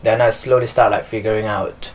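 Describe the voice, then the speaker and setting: Low-voiced young man full of "like"s. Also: steady tone, a little fast, low-quality recording. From Nepal. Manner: loose, filler-heavy, many "like"s. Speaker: dancer and choreographer, guest. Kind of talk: casual interview answers. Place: living room with leather sofas.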